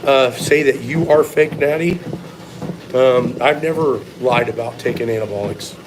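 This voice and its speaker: A man's voice: mid-range voice, a little slow, background noise. A man giving blunt, opinionated, sometimes profane answers in a casual live question-and-answer chat as a strength coach.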